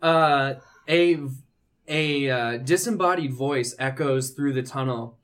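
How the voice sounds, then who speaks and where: A man narrating a tabletop game as game master, improvising descriptions and pausing to find his words. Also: medium pitch, fairly bright tone.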